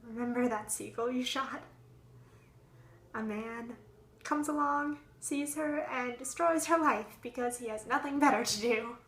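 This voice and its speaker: Actress playing a haunted, fragile young actress. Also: female voice, fairly high pitch, steady tone, slow, pauses often. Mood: searching. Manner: swings between hushed whispers and sudden raised outbursts. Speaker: actress performing a monologue. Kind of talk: stage monologue performance. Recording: echoey room.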